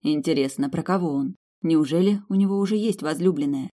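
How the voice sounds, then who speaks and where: A woman reads a fantasy romance audiobook in the first person. Her voice is low and deep. She tells it with a lively, ironic touch. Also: a little fast. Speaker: audiobook narrator. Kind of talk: scripted first-person narration.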